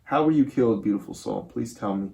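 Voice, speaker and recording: Low-voiced man hosting a spirit session. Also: fast talker, creaky, a little mellow, slight background noise. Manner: addresses listeners and spirit with affectionate, reverent words. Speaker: host of a spirit box session channel. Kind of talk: earnest spoken commentary to viewers and a spirit.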